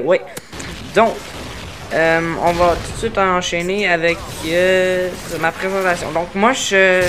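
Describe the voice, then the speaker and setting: A man's voice: high-pitched, a bit bright, slight background noise. A man from Quebec with a Québécois accent, introducing his gaming channel hesitantly, with many filler sounds, while trying to articulate carefully. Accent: Québécois French. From Quebec, Canada. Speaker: gaming YouTuber. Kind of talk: casual channel introduction over gameplay.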